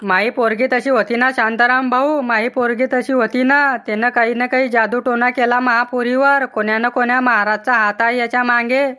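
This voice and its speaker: Woman voicing a cartoon village mother, lamenting, slightly raised pitch. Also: steady tone, moderate pace, few pauses, pushed and bright. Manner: lamenting, gossiping. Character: complaining middle-aged village mother. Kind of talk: cartoon comedy voice acting.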